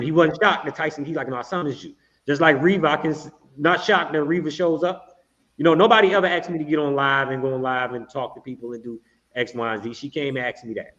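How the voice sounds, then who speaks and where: A man's voice: medium pitch, fairly bright tone, muffled recording. A man hosting a casual livestream chat, talking emphatically and repeating himself as he restarts his sentences. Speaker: livestream host.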